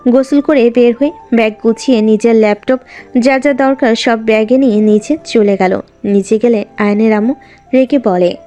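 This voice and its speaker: Mellow-voiced woman narrating a story. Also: fairly high pitch, fairly even intonation, moderate pace, faint music behind.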